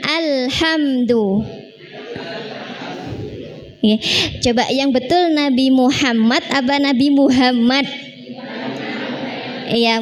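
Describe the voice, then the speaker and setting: A woman's voice: high-pitched, darkish tone, slight background noise, poor audio. A woman teaching a live Quran recitation class, patiently demonstrating sounds and correcting her students.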